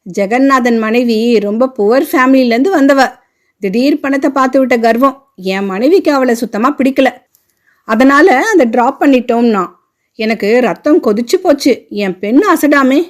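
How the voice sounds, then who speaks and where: A proud, hot-tempered father rants in a storybook reading, as a woman narrator puts him on. His voice sits fairly high for a man, since the reader keeps her own register. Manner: indignant, ranting.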